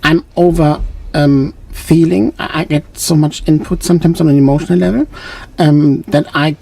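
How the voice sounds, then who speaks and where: German guy hosting radio show, kinda husky, higher voice, lots of ums. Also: fairly even intonation, a little mellow. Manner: halting questions with many fillers, chuckles often. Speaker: radio host. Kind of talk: radio interview.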